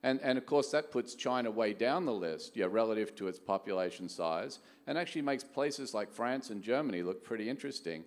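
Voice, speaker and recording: A middle-aged Australian man, a venture capital executive, delivers a conversational keynote from a large conference hall stage, often tossing out rhetorical questions. His mid-range voice is lively in intonation, fairly quick and with few pauses. The hall sound is echoey, with a long reverb.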